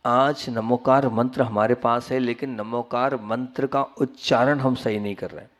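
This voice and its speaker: A man's voice: steady tone, normal speed. A man, a monk, preaching a sermon to a gathering in an earnest, instructive way, teaching how to pronounce a mantra. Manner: earnest, instructive, urges listeners to repeat and pay attention; swings between soft low phrases and raised emphatic ones.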